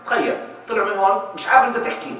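A man giving a lively public talk to an audience, acting out little dialogues as he goes. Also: high voice, rapid-fire. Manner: animated, acts out little dialogues. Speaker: speaker giving a talk on marriage. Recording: echoey hall, voice from far off, faint noise.

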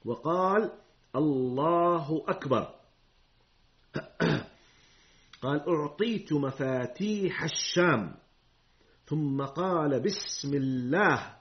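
A man's voice: fairly high pitch, lively intonation, slow, long pauses, dull audio. A man giving a religious lesson. He reads hadith formally, then explains them in colloquial speech and throws rhetorical questions at his listeners. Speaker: Islamic preacher.

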